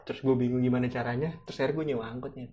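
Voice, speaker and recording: A man's voice: medium pitch, steady tone, rapid-fire, warm tone, dull audio. Slangy laughing young man telling a story. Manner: slangy, swears a lot, laughs often. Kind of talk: casual podcast chat, storytelling.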